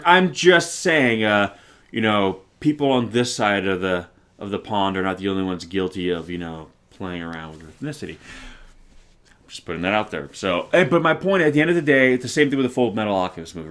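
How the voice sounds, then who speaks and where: A man with a lowish, slightly bright voice co-hosts a movie trailer reaction channel. He talks at length in an earnest, opinionated way, tossing out rhetorical questions in casual film chat.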